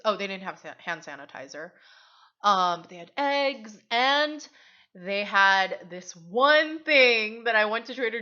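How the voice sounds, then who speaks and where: A woman's voice: mid-range voice, sharp tone, muffled recording. A woman vlogger chatting casually to camera, rambling and full of fillers.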